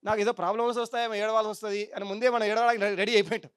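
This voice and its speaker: Middle-aged woman teaching meditation to a hall audience; emphatic, rhetorical, with a clear, crisp voice. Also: medium pitch, level tone, racing, studio quality. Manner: emphatic, full of rhetorical questions and repeated tag questions. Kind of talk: spiritual talk to a live audience.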